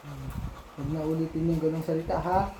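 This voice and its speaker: A father in a casual home video, patiently coaxing and gently scolding his young child, repeating his questions over and over. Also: a little high, steady tone, a little fast, reverberant, slight background noise, rough recording. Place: home, indoors.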